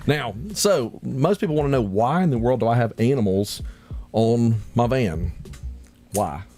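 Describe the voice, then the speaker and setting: Animated male guest telling a story. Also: medium pitch, measured pace, soft background music. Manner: animated, acts out the voices in his stories. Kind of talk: casual storytelling.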